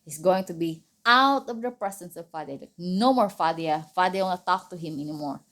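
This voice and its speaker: A woman with a lowish, animated, slightly bright voice speaks fairly quickly as she tells a young child a Bible story. She uses simple, non-native English phrasing, frequently asking the listener questions and performing the characters' lines.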